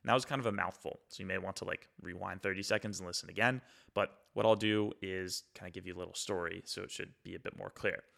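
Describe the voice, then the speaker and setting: Young male host, gravelly and lowish, casual motivational talk full of fillers. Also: steady tone, quick pace, pushed and bright. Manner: loose, reflective, many fillers and restarts. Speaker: podcast host.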